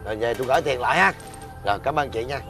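An actor playing a loud, panicky husband who is boss to his drinking friends, with an exclamatory way of talking. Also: medium pitch, rapid-fire, faint music behind. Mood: panicked. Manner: excitable, exclamatory.

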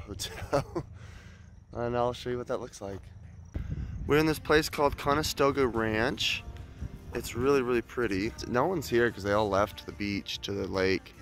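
A man hosting a casual vlog, sounding groggy as he chats his way around a campground and into a tent, filmed on a handheld camera. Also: medium pitch. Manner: chatty and upbeat, with loose fillers. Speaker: vlogger. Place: campground, outdoors and inside a tent.

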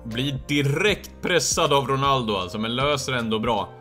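A young man giving live commentary on his own football video game match, chatty and quick to shout and cheer when goals go in. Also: medium pitch, soft background music. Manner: excitable, bursts into loud cheers at goals. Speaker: gaming streamer.

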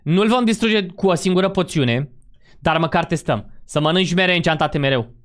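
A man hosting a gaming video, chatting with friends during live gameplay and giving quick orders, taunting and yelling when chased. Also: on the high side. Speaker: gaming channel host.

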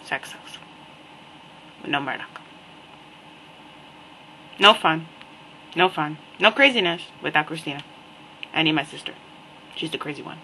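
Wry slow-talking New woman. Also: deep voice, slight background noise, low-quality recording. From New Jersey. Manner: wry, repetitive, deadpan asides. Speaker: vlogger. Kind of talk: casual webcam monologue.

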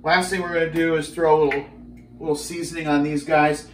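A man's voice: fairly high pitch, fairly quick, recorded from a distance, slight background noise. A man in his thirties giving a casual, joking cooking demonstration in a small home kitchen, filmed from a few steps away. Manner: upbeat, joking, energetic while cooking. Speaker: fitness cooking host. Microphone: camera mic, filmed from a few steps away. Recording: echoey kitchen, voice slightly off-mic.

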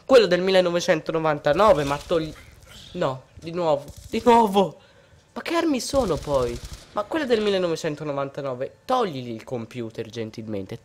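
A gamer giving gameplay commentary, swinging between low muttering and outraged yelling at opponents.

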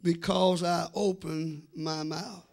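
Here a middle-aged American man preaches slowly, his gravelly voice fairly high and level in tone. He is the senior pastor, speaking emphatically to his congregation in the sanctuary through a handheld microphone and stretching his phrases out.

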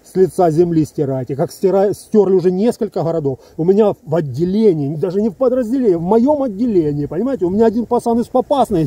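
Holding his phone close for a selfie shot, a man in his fifties from Ukraine, a soldier who vlogs, delivers a heated, emphatic, rambling monologue full of asides while outside among trees. His voice is high, with a dark tone and a breathy edge.

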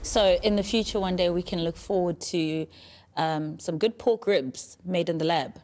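A woman's voice: lowish voice, normal speed, darkish tone, a little hiss or hum. A woman reporter presenting on location in a kitchen, bubbly and enthusiastic.

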